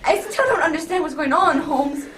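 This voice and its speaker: A woman playing a flustered, good-hearted gentleman doctor in a radio drama, blustering in an old-fashioned way. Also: high voice, lively intonation, a little fast. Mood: bewildered. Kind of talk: amateur radio drama acting. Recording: noisy room, distant mic.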